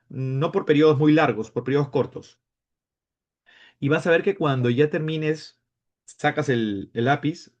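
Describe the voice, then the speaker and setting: Animated male teacher. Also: medium pitch. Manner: animated, playful, acts out students' questions. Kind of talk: lively classroom lecture. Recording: dull lo-fi sound.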